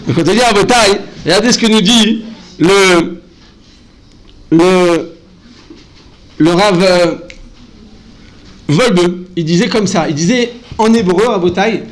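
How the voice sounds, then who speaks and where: A man giving an animated Torah class, often calling out to his listeners and mixing in Hebrew terms. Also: high voice, measured pace, pauses often, low-quality recording. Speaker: rabbi teaching a Torah class. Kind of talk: lively Torah lesson.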